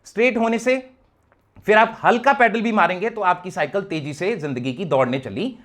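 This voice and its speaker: A man with a notably high voice gives an earnest explanatory talk as an astrologer. He speaks to his viewers as friends and keeps mixing English terms into his points. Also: normal speed, fairly bright tone.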